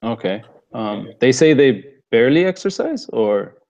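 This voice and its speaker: A young Los Angeles fitness coach with an Armenian-American accent fields questions in a casual live Q&A, rambling and laughing often. His creaky voice sits at medium pitch and moves at a measured pace, relaxed throughout. The stream audio is muffled and lo-fi.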